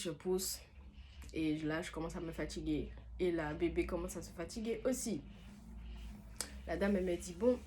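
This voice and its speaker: A woman's voice: lowish voice, a little hiss or hum. Chatty young woman telling a story. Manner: chatty, lively, slangy retelling with quoted dialogue. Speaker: vlogger. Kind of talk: casual storytime vlog.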